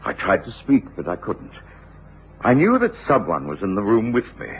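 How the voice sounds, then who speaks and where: Doctor Watson, very deep English narrator. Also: male voice, huge pitch swings. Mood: weary, reflective. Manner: measured, reflective storytelling. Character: gentlemanly doctor narrating his own ordeal. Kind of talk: 1950s-60s British radio drama narration. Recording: dull, slightly noisy old radio recording.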